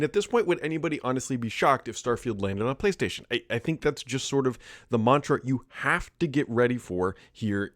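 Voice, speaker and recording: A man's voice: mid-range voice, no room sound, clean studio sound. A man giving casual solo video commentary, thinking aloud with frequent asides and self-corrections. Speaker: tech commentator.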